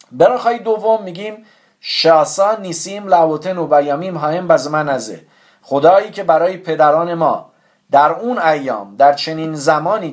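A man with a slightly high voice gives a religious lesson. He explains things patiently and step by step, and he keeps coming back to how each prayer word should be pronounced. His tone is earnest and instructive. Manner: careful, explanatory, stresses correct pronunciation.

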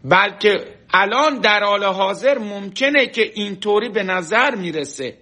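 Male religious teacher, high and bright-toned, lively storyteller who acts out quotes. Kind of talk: storytelling sermon. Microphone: online class stream.

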